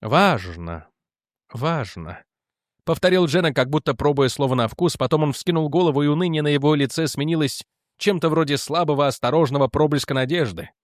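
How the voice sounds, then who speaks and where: A man narrating a science fiction novel in a measured, steady reading voice. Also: fairly high pitch, no echo, studio quality. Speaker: audiobook narrator.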